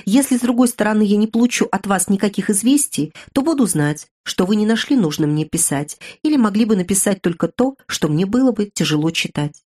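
Woman voicing a ruined young guy for an audiobook, grave, resigned, talks low and even. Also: a little fast, hardly any pauses, close to an everyday voice. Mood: earnest. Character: young man, earnest, bitter, ruined suitor.

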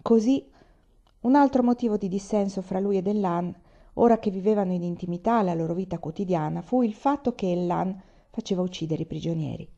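A woman reading a novel aloud, with steady, even storytelling. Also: medium pitch, brisk, highs cut off. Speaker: audiobook reader.

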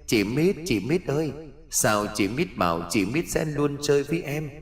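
A man voicing a vengeful, hungry ghost child girl in a horror story, speaking in a soft, hushed, pleading way. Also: a little high, expressive, normal speed, soft background music, pitched above the performer's own voice, lightly acted. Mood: coaxing.

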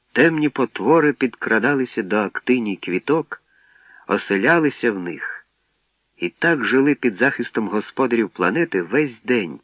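A man reading an audiobook in a steady, even manner, on a dull, dry recording. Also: medium pitch, no room sound. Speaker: narrator. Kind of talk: audiobook narration.

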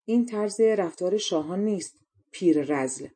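A woman's voice: mid-range voice, lively intonation, warm tone, close to an everyday voice. A woman voicing a young male soldier who speaks bluntly and mocks himself, in a storybook reading. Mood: scornful. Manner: blunt, self-mocking. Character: young soldier-king, bold and plain-spoken.

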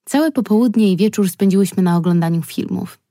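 A woman narrating a first-person audiobook in an even, measured reading. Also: medium pitch, dry recording, studio quality.

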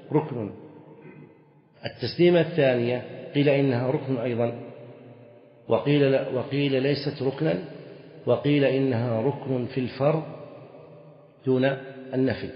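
A man teaching Islamic jurisprudence in a classroom lecture, explaining a text, repeating key phrases and putting questions to his students. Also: mid-range voice. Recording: echoey hall, dull lo-fi sound.

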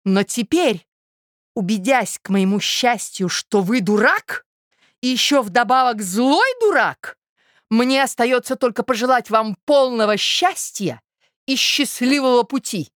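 A woman's voice: a little high, expressive, measured pace, a bit bright, no echo, studio quality, pitched above the performer's own voice. A woman reading aloud and voicing a proud young woman speaking with scorn. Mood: scornful. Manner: scornful, raised voice.

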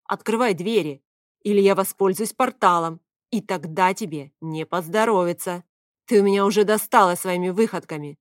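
A woman reading aloud, voicing a hot-tempered man who yells threats through a locked door, in a dry close recording. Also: high voice, unhurried, no room sound. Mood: angry threatening. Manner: yelling, threatening demands.

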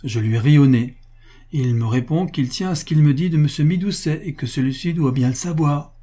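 An older coal merchant in his sixties pleads for his daughter's sake, voiced by a man reading a storybook. He talks earnestly and presses hard, his tone mellow and slightly husky. The pitch climbs above the plain narration. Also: fairly quick, lightly acted. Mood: pleading. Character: worried sixty-year-old coal merchant, pleading father.

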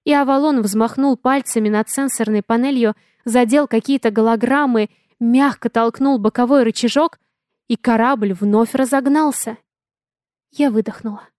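A woman narrating a first-person audiobook in an expressive, dramatic way. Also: fairly high pitch, normal speed, no echo, clean studio sound.

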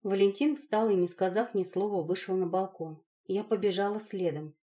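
A woman reads a first-person novel aloud with expressive storytelling. Her voice sits at a middle pitch, neither high nor low. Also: moderate pace. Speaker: audiobook narrator. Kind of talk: first-person audiobook narration.

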